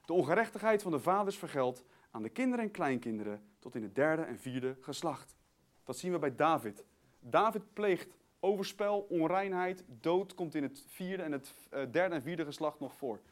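A man preaches in speech, his pitch rising and falling widely. He laughs often and moves between loud emphasis and quiet asides. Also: expressive, moderate pace. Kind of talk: sermon.

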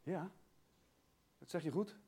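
A man preaching a sermon, animated, often laughing, swinging between loud emphasis and soft asides. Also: high-pitched, takes it slowly, husky.

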